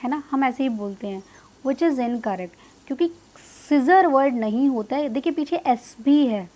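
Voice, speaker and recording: A woman with an Indian English accent teaching English pronunciation, mixing in Hindi and drawing out each model word slowly for learners. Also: high voice, lively intonation, darkish tone. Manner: slow, drawn-out model words, repeated for learners; mixes Hindi with English phrases. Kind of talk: spoken language lesson.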